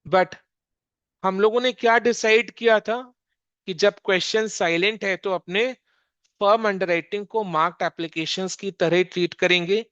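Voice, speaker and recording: A commerce teacher giving a recorded accounting lesson, working through a problem slowly and repeatedly quizzing the listener. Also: medium pitch, fairly bright tone, clear, resonant tone, dry recording, highs cut off. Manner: slow, repetitive, quizzing the listener.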